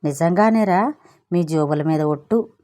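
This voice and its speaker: Brief: playful, theatrical young schemer, read by a woman in a storybook, mellow tone. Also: low voice, unhurried. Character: cheeky smooth-talking young man, schemer.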